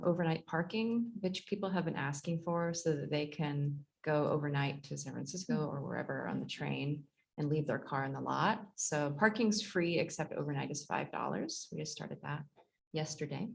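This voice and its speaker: A woman's voice: sits low, normal speed, gravelly. A young adult woman giving a casual transit update on a video call, chatty, with lots of fillers and laughs. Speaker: transit agency staff.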